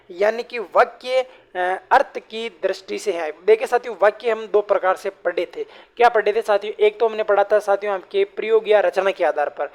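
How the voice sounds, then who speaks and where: A woman teaching an online exam-prep lecture. She keeps asking rhetorical questions, answers them herself, and keeps addressing her listeners as friends. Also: mid-range voice.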